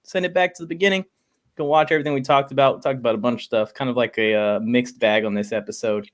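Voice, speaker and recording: A man co-hosting a live sports fan show, signing off in a relaxed, friendly way. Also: medium pitch, fast talker. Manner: relaxed, friendly sign-off banter. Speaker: podcast co-host. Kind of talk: casual live-stream sports chat.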